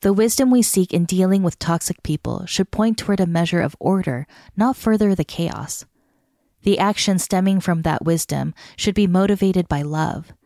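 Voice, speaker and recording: Calm woman narrator with a low, mellow voice. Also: moderate pace, no room sound, studio quality. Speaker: narrator reading a devotional article. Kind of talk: scripted narration.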